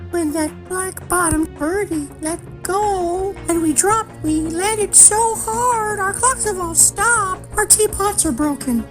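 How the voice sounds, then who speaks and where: A minuscule storybook mayor as acted out by a woman, with an extremely high, thin, piping voice. He speaks earnestly and politely, tripping and repeating himself a little, over clear background music. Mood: distressed, pleading. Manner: halting, repeating words, earnest. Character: tiny grateful small-town mayor creature, male, polite and earnest.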